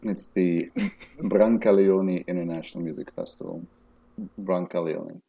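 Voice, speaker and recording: A man from Belgium, a music festival director, talking casually in a soft, measured way with frequent pauses. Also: low voice, fairly even intonation, creaky. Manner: soft-spoken, measured, hesitant with ums. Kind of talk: casual interview conversation.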